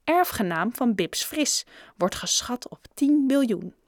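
A woman's voice: a little high, animated, takes it slowly, no room sound, studio quality, pitched above the performer's own voice. A woman voicing a chatty adult male shopkeeper who pushes his deals with eager sales patter, in a storybook reading. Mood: eager salesman.

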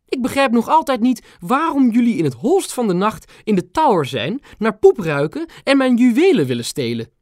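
A stern old queen and grandmother, raised high and speaking in crisp staccato bursts, as a male audiobook reader puts her on. Her voice swings widely, and the recording is dry and close. She sounds regal and a little severe. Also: sing-song, normal speed, few pauses, darkish tone, no echo. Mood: stately. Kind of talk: audiobook character voice.

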